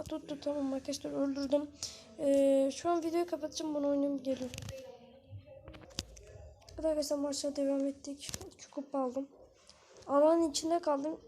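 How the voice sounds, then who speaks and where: A woman with a notably high voice commentates her match live, chatty and excitable. She coaxes the game characters and snaps with rough outbursts when things go wrong. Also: a little hiss or hum. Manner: frustrated outbursts with swearing. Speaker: gaming channel host.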